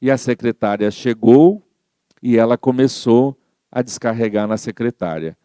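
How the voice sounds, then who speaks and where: Guy preaching a little story, warm dark voice, repeats stuff, dry close sound. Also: medium pitch, normal speed, clear, resonant tone, no room sound. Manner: repetitive storyteller, acts out quotes. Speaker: Spiritist lecturer. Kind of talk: storytelling sermon.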